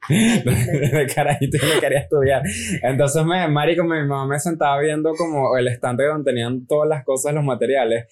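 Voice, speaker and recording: A man's voice: on the high side, fairly even intonation. A young adult man with a Venezuelan accent, co-hosting a podcast in a casual, slangy, profane way, full of jokes. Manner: fast, slangy, profane and joking. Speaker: podcast co-host. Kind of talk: casual chat.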